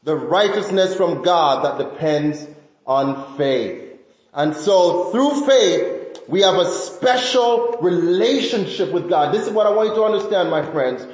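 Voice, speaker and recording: A man preaching in a church sanctuary, his voice sitting high for a man. He speaks earnestly, repeating key phrases and stumbling through fillers and restarts. The sound is very echoey, with a long reverb trailing off each phrase. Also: animated, a little slow. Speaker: pastor. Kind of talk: sermon.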